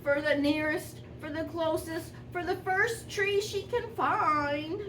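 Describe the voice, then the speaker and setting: A woman voicing a sweet, gentle old granny who tells a children's story expressively, lingering on and repeating words. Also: very high voice, takes it slowly, exaggerated voice. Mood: gentle, unhurried. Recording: distant microphone, faint background noise.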